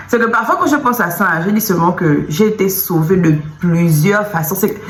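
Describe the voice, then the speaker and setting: A young woman casually telling a personal story, animated and acting out what people said. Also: fairly low pitch, normal speed. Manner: animated, acts out quotes. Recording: echoey room with faint ambience.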